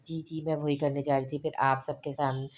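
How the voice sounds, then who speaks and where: A woman's voice: deep voice, flat delivery, a little fast, darkish tone, lightly acted. A woman voicing a tearful, pouting young wife who pleads and sulks. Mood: upset.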